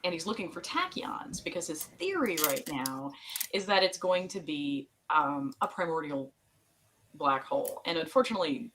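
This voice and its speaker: A woman's voice: low voice, sing-song, moderate pace, a bit bright, a little hiss or hum, rough recording. A woman co-hosting a podcast, recapping an episode in a chatty, meandering way with frequent laughs. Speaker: podcast co-host. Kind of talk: casual chat recapping a TV episode.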